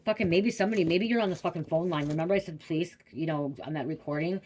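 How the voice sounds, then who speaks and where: A middle-aged woman's low, darkish voice comes at a fast clip over slight background noise as she gives a rambling tarot reading on a casual livestream. As a psychic, she goes off on tangents, swears openly, and asks "okay?" over and over.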